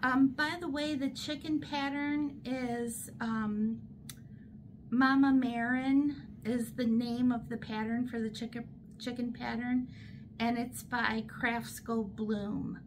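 A middle-aged woman chatting casually about her crochet project from a hospital bed, unhurried and laughing at herself. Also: on the high side, fairly even intonation, a little hiss or hum, poor audio. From United States. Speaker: crochet vlogger. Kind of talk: casual show-and-tell chat. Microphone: fixed camera in front.

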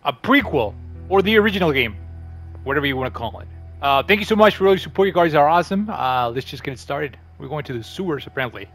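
A man's voice: fairly high pitch, expressive, fast, a bit bright, faint music behind. Chatty man doing gameplay commentary. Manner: chatty, upbeat, rambling asides. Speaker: gaming channel host.

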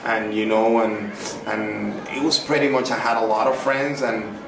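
A man's voice: fairly low pitch, level tone, normal speed, creaky, distant mic. Middle-aged man, chatty and effusive, recorded from afar in an echoey, noisy room. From Venezuela. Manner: effusive, chatty, many fillers. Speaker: artist interviewed by a child. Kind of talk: casual interview. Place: small indoor room.

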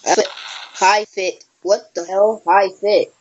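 A woman's voice: medium pitch, fairly even intonation, slow pace, dull audio. A woman hosting a casual gameplay recording, teasing and trash-talking her friend as she plays. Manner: playful teasing trash talk. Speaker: gameplay channel host.

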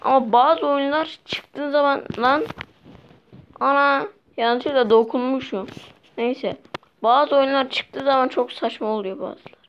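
A woman's voice: high voice, unhurried. Young woman grumbling over a mobile game. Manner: chatty, easily exasperated, talks to viewers. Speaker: mobile gameplay vlogger. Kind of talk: casual gameplay commentary. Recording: dull lo-fi sound with faint noise.

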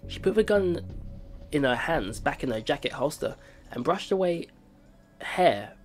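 A let's play narrator, speaking a little slowly in a very animated voice on the high side, reads the game's story aloud. Game music runs underneath, and his reading has small stumbles and restarts.

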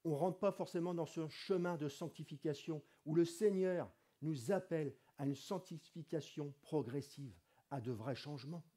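A middle-aged pastor delivers a sermon indoors in a church hall with a wooden wall, his fairly high yet soft, mellow voice slightly hoarse from a cold. He speaks at normal speed in a relaxed, conversational manner, raising his voice when reading scripture.

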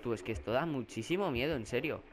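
A young Spanish gaming YouTuber with a Spanish accent narrates a horror game let's play, getting jumpy, swearing, and crying out in fright. His mid-range voice is animated and fast, with faint background noise.

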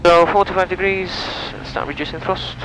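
Speaking at a normal speed in a high voice, a solo pilot in his twenties calls out checklists, adds commentary, and makes radio calls from a small propeller plane's cockpit as it taxis and flies. His aviation headset boom mic picks up the steady hum of the light aircraft engine.

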